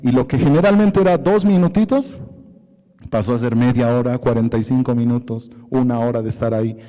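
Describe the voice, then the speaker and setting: A man's voice: mid-range voice, fairly quick, warm tone. A man in his thirties, from Bolivia, preaching a sermon and telling his own story, quoting family members in his own voice. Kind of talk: sermon testimony. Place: church hall. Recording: echoey church hall.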